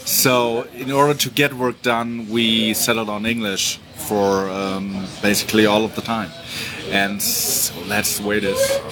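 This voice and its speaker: A man's voice: fairly low pitch, little pitch movement, measured pace. A man in his forties with a German accent, chatting casually as a podcast co-host, often hesitating and restarting. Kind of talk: casual chat. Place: Japanese supermarket. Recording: noisy crowded shop. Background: crowd chatter.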